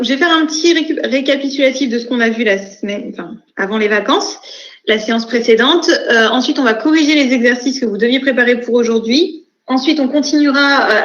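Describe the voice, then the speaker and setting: A woman's voice: a little high, a bit bright. A young woman lecturer giving an online class, explaining methodically step by step with frequent hesitations. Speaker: university lecturer. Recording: echoey, dull lo-fi recording.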